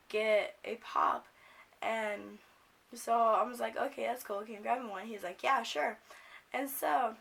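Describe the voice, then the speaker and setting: A young American woman with a raspy, smoker-like voice from a cold, telling a story casually in a rambling, sweary way. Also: fairly high pitch, fairly bright tone. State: sick with a cold, coughing. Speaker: video blogger.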